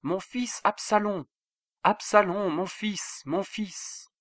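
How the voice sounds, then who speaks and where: A man's voice: a little high, expressive, normal speed, fairly bright tone, no echo, clean studio sound. A man voicing a grieving old king who laments his son in a raised voice.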